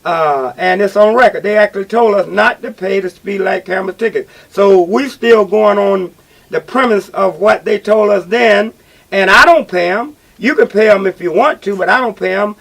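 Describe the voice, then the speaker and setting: A man hosting a talk radio call-in show, speaking in a halting, repetitive and emphatic way. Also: high voice, gravelly, fairly bright tone, poor audio.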